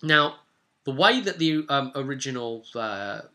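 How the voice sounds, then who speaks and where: In an unhurried, medium-pitched voice, a game master who also hosts videos casually rambles through a tabletop session recap. He repeats points emphatically with animation and throws in rhetorical asides.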